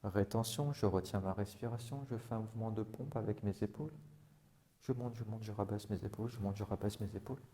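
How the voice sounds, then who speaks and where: A man with a fairly low, mellow voice guides listeners through a body-awareness and breathing routine. He speaks in the first person, slowly and calmly, as if doing each step himself. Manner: slow, calm instructions in first person. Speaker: relaxation guide.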